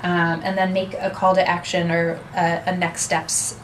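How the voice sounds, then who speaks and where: In a low-quality recording with slight background noise, a young woman presents a workshop in a small office conference room. Her voice sits on the low side with little pitch movement and a moderate pace. She explains steadily while gesturing, picked up by a camera across the room, in a seminar talk.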